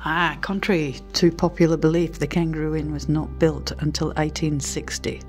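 A woman's voice: deep voice, level tone, moderate pace, darkish tone, faint music behind. A woman presenting a casual ghost hunt as she films outdoors, exclaiming and repeating what she hears. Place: outdoors among open stone ruins.

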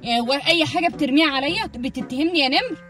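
A woman's voice: high-pitched, fairly bright tone, faint music behind. A young woman with an Egyptian Arabic accent, chatting casually in a vlog and arguing back boldly. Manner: rapid, bold and argumentative. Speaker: vlogger wife. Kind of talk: casual prank vlog chat.

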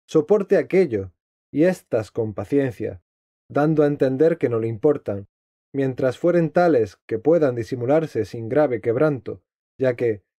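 A man voicing a wise counselor who tells a fable to a nobleman, in a calm, formal storybook reading. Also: medium pitch, no room sound, lightly acted. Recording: dry, slightly dull lo-fi.

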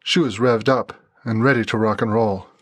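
A man reading a novel aloud in steady scripted narration. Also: lowish voice, moderate pace, no echo, studio quality. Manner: steady storytelling.

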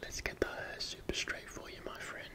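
Man in fast, aggressive whispered role-play ASMR. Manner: fast, aggressive, urgent whispering with repeated trigger words. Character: brisk, friendly barber attending a client. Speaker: ASMR performer playing a hairdresser. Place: small home gym in a shed, indoors. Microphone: fluffy-covered microphone close in front of him.

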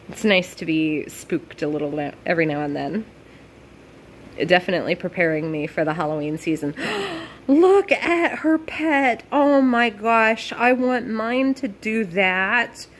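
A woman's voice: fairly low pitch, fairly bright tone, a little hiss or hum. A woman hosting a casual gameplay video, gushing and bubbly, with lots of "like" as she talks. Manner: bubbly, gushing, heavy use of "like". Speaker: gaming video host.

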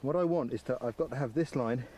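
A middle-aged English man, a wilderness presenter, calmly explaining bushcraft in a snowy forest, enthusiastic about nature. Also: mid-range voice, fast talker. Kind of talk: documentary narration and outdoor explanation.

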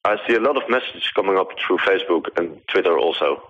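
A man's voice: low voice, lively intonation, fast talker, fairly bright tone. A man from the Netherlands with a Dutch accent, a video artist answering interview questions over the phone, hesitant and full of ums. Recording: poor phone line.

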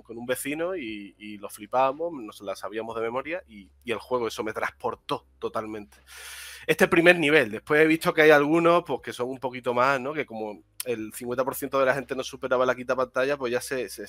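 A man's voice: mid-range voice, sharp tone, dry recording. A man from Andalusia, co-hosting a casual gaming podcast, rambling and hesitant, poking fun at himself and laughing often. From Andalusia, Spain. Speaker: podcast co-host.

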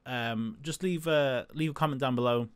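A man hosting a gaming channel, chatting casually over gameplay in a hesitant, filler-heavy way, as if thinking out loud. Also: mid-range voice, moderate pace, clear, resonant tone, dry recording.

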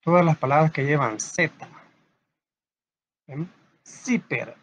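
Patient man teaching first graders. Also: a little high. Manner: patient, repeats words slowly for young children. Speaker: primary school teacher. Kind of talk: reading a story, then teaching a reading lesson.

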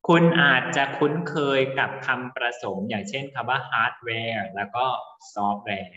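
A man's voice: mid-range voice, a little fast, pushed and bright. A male teacher explains English word formation in a lesson, calls on students by name and mixes English terms into his explanations. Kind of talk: online class lesson. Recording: dull, echoey room with long reverb.

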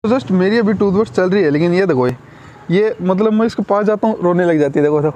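Young man, from Rajasthan, casual vlog, chatty, phone camera, slightly high voice. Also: fairly quick. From Rajasthan, India. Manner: chatty and rambling, addresses viewers as guys. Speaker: vlogger. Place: home courtyard, then a clothing shop. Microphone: phone camera, no earphone mic.

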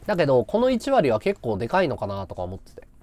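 A man's voice: mid-range voice, huge pitch swings, quick pace, a little mellow. A man chatting casually on his livestream, rambling and muttering to himself as he works out figures. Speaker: live streamer.

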